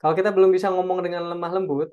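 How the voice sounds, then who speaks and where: A man leads an online parenting webinar, taking audience questions and answering each in turn. His delivery is relaxed and chatty, full of small check-ins with his listeners. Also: high voice, rapid-fire, smooth, dull audio. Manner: conversational, tags phrases with "ya" and "oke".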